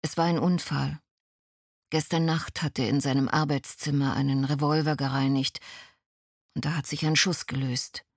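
A woman voicing a grave young man in an audiobook, solemn and measured. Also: sits low, fairly even intonation, dry recording, clean studio sound. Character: grave young man, old family friend.

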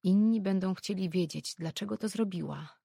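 Gravelly husky woman narrating a novel. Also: medium pitch, normal speed, warm tone, no room sound, clean studio sound. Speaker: audiobook narrator. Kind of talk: scripted storybook narration.

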